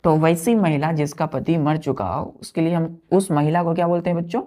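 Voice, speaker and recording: This woman's voice is low and mellow, fairly quick and fairly even in intonation. As a teacher giving a vocabulary lesson, she repeats each word, spells it out letter by letter, counts aloud, and checks often that students are with her.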